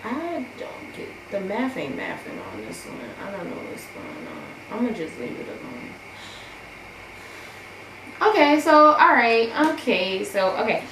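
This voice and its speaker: A woman's voice: medium pitch, huge pitch swings, measured pace. A young woman vlogger, rambling casually and joking about herself as she does her makeup. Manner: chatty, self-deprecating, rambling with many fillers. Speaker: beauty vlogger. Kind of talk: casual get-ready-with-me chat. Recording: echoey room with background noise.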